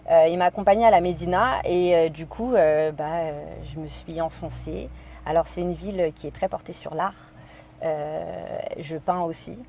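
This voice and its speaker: A woman from France speaks as a podcast guest, recounting a personal story. Her voice sits low and sounds mellow. She hesitates often, fills gaps with fillers and quotes her own thoughts aloud. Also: normal speed, a little hiss or hum.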